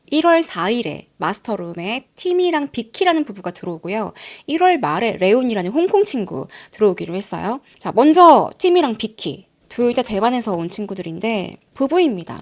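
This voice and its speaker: A woman storyteller with a fairly high voice, telling a true-crime story in a casual, chatty way. Her pitch moves a lot as she speaks straight to her listeners. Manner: chatty, addresses listeners directly. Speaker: storyteller host.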